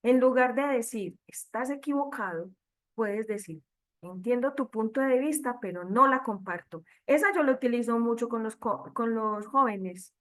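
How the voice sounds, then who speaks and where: Woman trainer, higher voice, direct teaching tone on a video call. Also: normal speed. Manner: direct, addresses listeners as catechists. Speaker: catechist trainer. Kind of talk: online training talk. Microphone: computer mic on video call.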